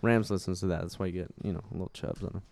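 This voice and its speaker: A young man with a nasal voice, co-hosting a podcast in casual banter, loud and joking, swearing a lot. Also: low voice, fairly even intonation, rapid-fire, gravelly, dry recording. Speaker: podcast co-host.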